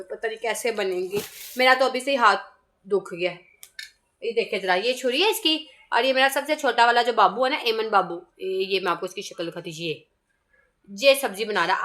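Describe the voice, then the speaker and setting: A woman's voice: fairly high pitch, pushed and bright. A middle-aged woman, a mother and vlogger, chatting casually as she talks through her household chores. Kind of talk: casual running commentary.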